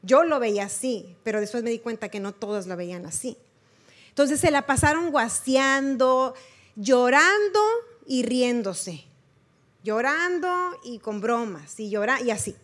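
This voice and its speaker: Female preacher, high-pitched, earnest and chatty, repeats for emphasis. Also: expressive, measured pace, a bit bright. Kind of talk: testimony sermon.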